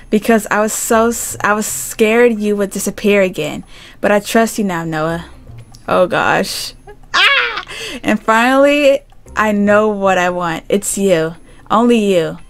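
Woman, gaming YouTuber, reading story game aloud, chatty, giggly, gushing, casual commentary. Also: mid-range voice.

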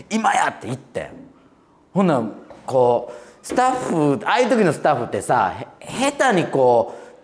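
A man in his forties with a Kansai accent, a comedian hosting a talk show and telling a lively story with laughs. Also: mid-range voice. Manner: animated, laughing anecdote-telling. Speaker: comedian host.

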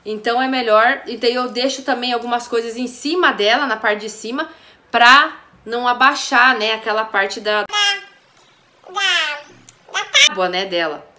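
Woman vlogger, bright voice, fairly high, chatty, echoey kitchen. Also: lively intonation, unhurried, long pauses. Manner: chatty, frequent "gente" and "né" asides. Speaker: home organizing vlogger. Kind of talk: casual chat to camera. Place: small basement kitchen at home.

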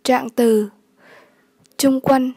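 Slow, breathy woman tutor, high voice. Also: steady tone, warm tone, no room sound. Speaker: English tutor. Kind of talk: vocabulary lesson.

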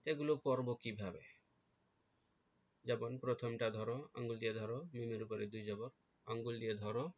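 A man teaching a children's Quran reading lesson, spelling out each letter in slow, drawn-out drills and answering his own questions. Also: mid-range voice, steady tone, lo-fi sound.

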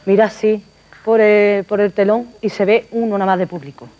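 A woman telling jokes to an audience in a chatty, animated way, doing voices. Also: medium pitch, normal speed. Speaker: joke teller. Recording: dull lo-fi TV audio.

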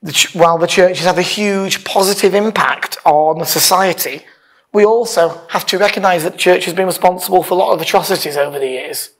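A man preaches a conversational, informal sermon at a lectern on a church hall stage, reading aloud part of the time and stressing words emphatically. His voice is high-pitched and fairly bright, and he speaks a little fast.

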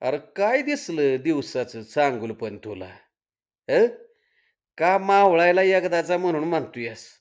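A man's voice: fairly high pitch, very animated, measured pace, dull audio. A storyteller voicing a teasing young village man who mocks his friend. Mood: skeptical. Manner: laughing, mocking.

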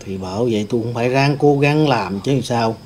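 A man's voice: medium pitch, a little fast, a little mellow, slight background noise, lightly acted. A man playing a sorrowful wronged ghost. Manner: rambling storytelling, many fillers. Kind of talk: staged ghost-hunting role-play.

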